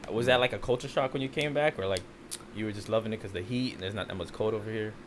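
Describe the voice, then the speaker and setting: Laid-back male podcast co-host, lowish voice, relaxed questions. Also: quick pace, noisy background. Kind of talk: casual podcast chat.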